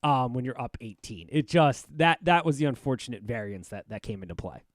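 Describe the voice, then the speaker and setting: A man's voice: mid-range voice, expressive, brisk, no room sound. Guy hosting a sports podcast, kinda rambly, lots of ums, dry mic. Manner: loose, rambling, many fillers and restarts. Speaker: podcast host. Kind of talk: casual sports betting chat.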